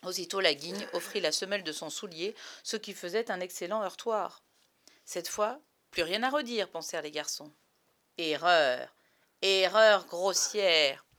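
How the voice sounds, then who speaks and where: A woman's voice: on the low side, moderate pace. Woman reading a children's story. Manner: expressive, lively reading.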